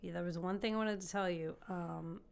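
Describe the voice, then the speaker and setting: A woman's voice: on the low side, fairly even intonation, fairly quick, gravelly. A woman co-hosting a podcast, chatting casually with many ums, explaining things at length. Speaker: podcast co-host. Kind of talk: casual chat.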